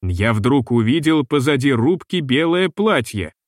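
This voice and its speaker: A man reading the part of a fussy, gloomy ship's purser who speaks slowly and mournfully, in a dry recording. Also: mid-range voice, big pitch swings, no room sound. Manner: slow, mournful and long-winded.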